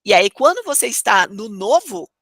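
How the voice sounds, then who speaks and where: A woman teaching about emotions in an expressive coaching talk, asking herself rhetorical questions. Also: mid-range voice, moderate pace, no room sound. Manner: expressive, rhetorical questions, acts out inner thoughts.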